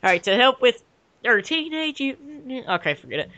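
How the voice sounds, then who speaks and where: An excitable young man doing a comic read-aloud. His pitch jumps around in a lively way and his voice is bright and forceful. He is giggly and keeps stepping out of the text to riff. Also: a little fast, no echo, muffled recording. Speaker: co-reader of a dramatic fan fiction reading. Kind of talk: casual comic read-aloud with ad-libbed commentary.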